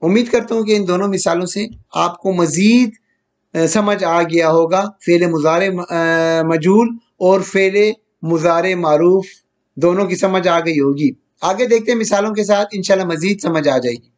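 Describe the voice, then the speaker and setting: High-voiced man teaching grammar patiently. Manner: patient, asks the listener questions and answers them himself; draws out Arabic examples slowly and deliberately. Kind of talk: recorded grammar lecture.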